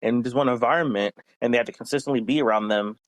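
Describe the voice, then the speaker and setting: Brief: easygoing podcast man, middle pitch, relaxed anecdotes. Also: fast talker, dry recording, poor audio. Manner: laid-back, relaxed storytelling with fillers. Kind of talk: casual podcast chat.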